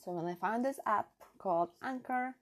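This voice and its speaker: On her own casual podcast, a European woman whose native language isn't English talks earnestly and reflectively in a chatty monologue, with a non-native accent. Her voice sits on the high side at a moderate pace, and she records on a built-in device mic with no proper microphone.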